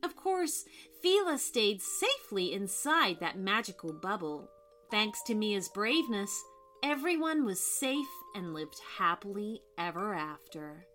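A woman narrating a scripted children's story in an expressive, dramatic way. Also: medium pitch, a little slow. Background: background music.

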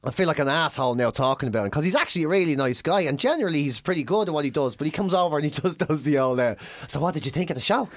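A man's voice: on the high side, rapid-fire, hardly any pauses, no room sound. A man, a comedian host telling a funny story in casual chat, swearing and mimicking people. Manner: animated, swearing, mimics others.

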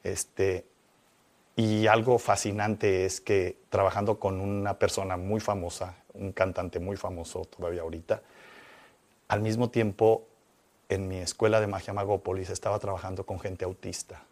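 A man, a magician guest in an interview, telling anecdotes with lively swings between excitement and quiet reflection. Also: low-pitched, normal speed. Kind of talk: animated storytelling in interview.

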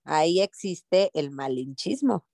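A woman's voice: deep voice, animated, slow, gravelly, a little mellow, no room sound. A woman, co-hosting a football talk show, recorded close and dry with no room sound. She keeps her replies short and agreeable and chips in with stats. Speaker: co-host. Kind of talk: casual sports chat.

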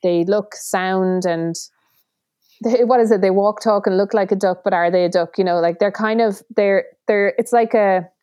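An Irish woman chats casually as a podcast co-host, wandering through her thoughts with restarts. Her voice is smooth and clear. The sound is dry and close. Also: mid-range voice, fairly even intonation, moderate pace, mellow, no room sound. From Ireland. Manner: chatty, rambling with restarts. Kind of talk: casual chat.

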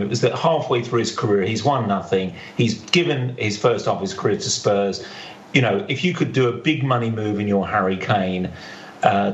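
A man giving opinions in a casual football discussion, arguing his case by restating points. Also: fairly low pitch. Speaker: podcast panellist. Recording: roomy, muffled, faint background noise.

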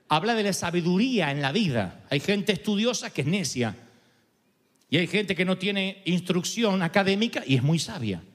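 Animated preacher in a reverberant hall. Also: male voice, sits high. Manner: animated preaching, acts out quoted voices. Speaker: pastor. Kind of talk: sermon.

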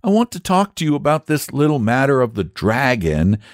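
A man's voice: big pitch swings, normal speed, no echo, studio quality, close to an everyday voice. A man voicing an earnest young boy in a raised, pleading voice. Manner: pleading and high-pitched.

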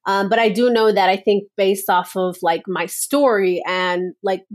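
A woman from Nepal talks as a podcast guest at an ordinary middle pitch. She speaks earnestly and reflectively, and often links her thoughts with "like" and "and so.". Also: fairly even intonation, measured pace. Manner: earnest, reflective, many "like" and "and so" fillers. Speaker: guest, personal power coach. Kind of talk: casual podcast interview.

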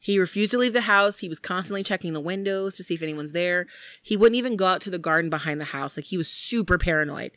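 Bright-voiced woman telling a true-crime story. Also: on the low side, fast talker, no room sound. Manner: animated, acts out quoted people, frequent "like". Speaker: podcast co-host.

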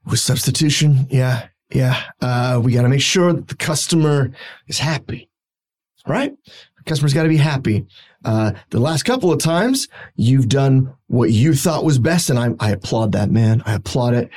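Man doing a gruff, weary rabbit head chef. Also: medium pitch, animated, moderate pace, a little mellow. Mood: coaxing. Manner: jaded, cursing, matter-of-fact boss talk.

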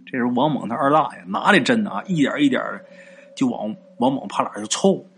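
A man's voice: expressive, brisk, a little hiss or hum. A man, casually telling a ghost story and acting out the characters' lines. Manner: colloquial, acts out characters' lines with big pitch jumps.

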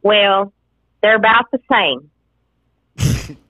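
A woman voicing a cheeky backwoods Kentucky hillbilly caller with missing front teeth and a folksy, deadpan delivery. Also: mid-range voice, extremely slow. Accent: Kentucky Appalachian. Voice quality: gap-toothed speech from missing front teeth. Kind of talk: comic in-character phone call. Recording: dull lo-fi call audio.

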